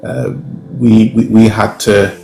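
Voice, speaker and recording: A young man, a professor appearing as a guest, answers interview questions in Ghanaian-accented English, speaking in a low, gravelly, warm voice with little pitch movement. He is measured and deliberate, pausing often, using "uh" and "um," and restarting phrases. The room sounds reverberant, with faint music underneath.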